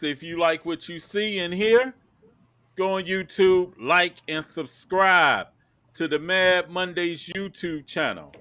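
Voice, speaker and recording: A male host with a higher-than-usual, bright, sharp tone. He talks slowly and easily, repeats himself as he eases into the show, and is heard over a video call. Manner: laid-back, repeats phrases. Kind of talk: casual podcast chat.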